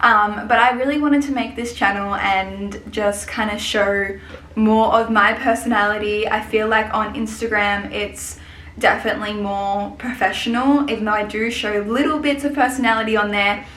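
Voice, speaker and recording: A woman's voice: medium pitch, steady tone, normal speed, fairly bright tone. Chatty young woman in an echoey room. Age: 20s. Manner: chatty and rambling. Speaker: hairdresser and salon owner. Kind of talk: casual vlog chat. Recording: echoey room with faint hiss.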